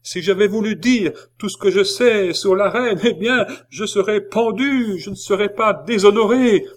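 A man's voice: normal speed, darkish tone. A man doing a shrieking defiant noblewoman. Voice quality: shrill strained falsetto. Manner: screaming, frantic, defiant outbursts. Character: desperate defiant noblewoman being branded, shrieking.

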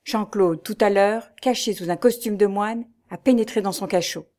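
A woman's voice: medium pitch, moderate pace, a little mellow, close to an everyday voice. A woman reading the lines of a kindly, fatherly priest in a novel, speaking earnestly and reassuringly. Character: kindly paternal old male priest.

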